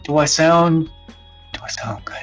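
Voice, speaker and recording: At a measured pace, a man with a fairly high voice chats casually on a live stream, rambling and swearing, mocking himself and often muttering under his breath. The mic is distant: a phone doubling as a wireless webcam mic, giving a boxy speakerphone sound as if inside a box. Faint music sits in the background.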